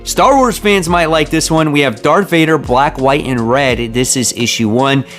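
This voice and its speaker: A man's voice: on the high side, moderate pace, a bit bright, soft background music. A man presenting a top ten countdown as a video host, talking informally and conversationally straight to his viewers. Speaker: comic book reviewer and channel host.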